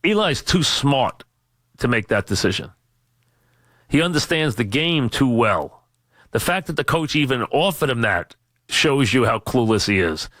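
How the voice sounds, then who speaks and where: A man's voice: mid-range voice, very animated, unhurried, a bit bright, dry recording. A man hosting sports talk radio on a studio mic, opinionated and emphatic, often answering his own questions. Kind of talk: radio commentary and taking calls. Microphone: studio radio microphone.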